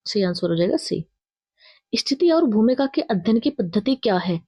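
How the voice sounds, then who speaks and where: A woman's voice: mid-range voice, sing-song, moderate pace, warm tone, husky, dry recording, lo-fi sound. A woman teacher reading out exam quiz questions with their options, then explaining each answer and correcting herself along the way.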